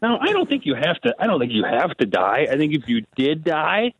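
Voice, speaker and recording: A man calling in on a payphone line from prison, rambling and pushing a half-baked idea like a pitchman. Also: wildly swooping pitch, brisk, slightly rough, dry recording. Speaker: caller. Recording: dull lo-fi phone line.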